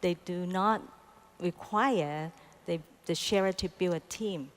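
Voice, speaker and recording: Woman, team leader, measured delivery, "you know" fillers, lowish voice, long reverb. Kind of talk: panel discussion answer.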